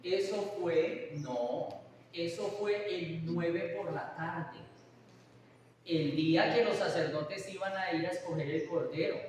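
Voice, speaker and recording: A man's voice: fairly high pitch, slow pace. A man preaching a sermon, often putting questions to his congregation. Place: church hall. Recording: echoey hall from far off, faint hiss.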